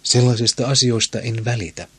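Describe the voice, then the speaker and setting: A man reading a calm noble jungle lord. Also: mid-range voice, slightly rough, no room sound. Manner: calm, plainspoken.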